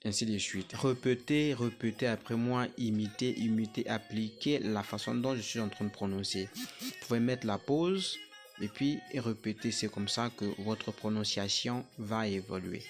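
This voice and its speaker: A man teaching a language lesson, patiently repeating words slowly for pronunciation drills. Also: fairly low pitch, soft background music.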